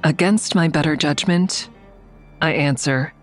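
With an unhurried, low-sitting voice, an actress portrays a guarded, defiant woman in an audio drama. Her first-person narration and dialogue come across as terse, dry and confiding, tense in mood, with faint music under her voice.

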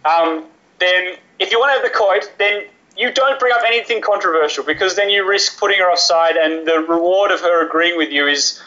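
A man co-hosting a podcast, animated and a little pompous as he holds forth in casual banter. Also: high-pitched, a little fast. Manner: animated, pompous about coffee. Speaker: podcast co-host. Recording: dull lo-fi podcast audio.

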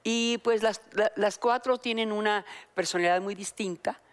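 A woman's voice: medium pitch, normal speed, clear, resonant tone. An older woman with a Mexican accent, a talk show guest chatting casually and acting out the voices in her stories. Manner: animated storyteller acting out quoted dialogue.

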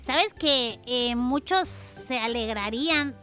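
Bright high-voiced woman co-hosting for kids. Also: slow, faint music behind. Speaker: children's radio show co-host. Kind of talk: friendly religious children's radio chat.

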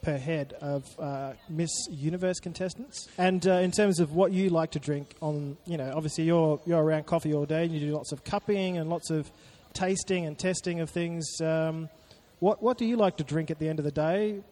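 Male radio co-host, slightly high voice, teasing and wordy. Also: steady tone, moderate pace, hardly any pauses, mellow. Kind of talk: casual radio chat.

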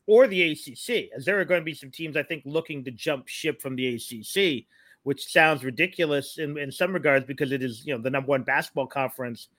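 Bright, forceful man talking college sports. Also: a little high, no echo. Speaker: sports podcast co-host and analyst. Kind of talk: conversational sports commentary.

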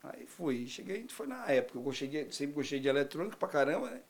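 A man's voice: fairly high pitch, a little fast. A man in casual conversation, animatedly telling a story and laughing through it. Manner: animated, laughs through his own anecdote.

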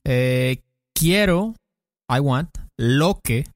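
A man's voice: medium pitch, animated, no echo. Man explaining Spanish grammar, dry close sound. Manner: playful, explains with quick examples. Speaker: podcast co-host teaching Spanish. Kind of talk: casual language lesson chat.

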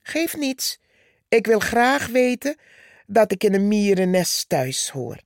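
A woman voicing a tiny, bold female red ant who stays calm and unimpressed, in a storybook reading. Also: medium pitch, takes it slowly, dry recording, studio quality. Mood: cheeky.

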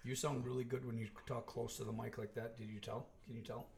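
A man in his forties chatting casually on a podcast, with a wheezy smoker's rasp in his voice. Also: mid-range voice, level tone, fast, darkish tone, reverberant, a little hiss or hum. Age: 40s. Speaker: podcast host.

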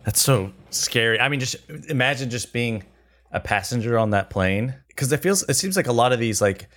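A man's voice: medium pitch, lively intonation, normal speed, fairly bright tone. A man co-hosting a podcast, reacting and asking loose, filler-heavy questions in casual chat. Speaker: podcast co-host.

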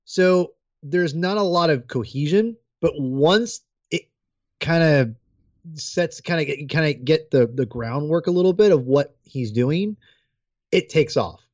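A man's voice: on the high side, lively intonation, unhurried, a little mellow, no echo, highs cut off. A man co-hosting a casual chat podcast, laying out the plan and giving opinions in an easygoing way. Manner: organizing, talks through while chewing gummies. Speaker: podcast co-host.

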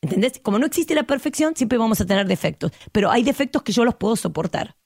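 Argentine woman therapist guesting on a podcast, passionate and emphatic, fairly high voice, dry close sound. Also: quick pace, vocal fry, breathy edge, no echo. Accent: Argentine Spanish. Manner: emphatic, passionate, lively acted-out quotes. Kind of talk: podcast conversation.

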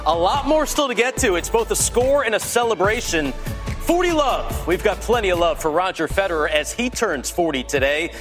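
Punchy American TV host, hyping like tabloid television. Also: male voice, high voice, expressive, normal speed. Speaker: studio host of a tennis show. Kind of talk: punchy TV teaser read, tabloid-show hype. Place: TV studio. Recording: music bed under the voice.

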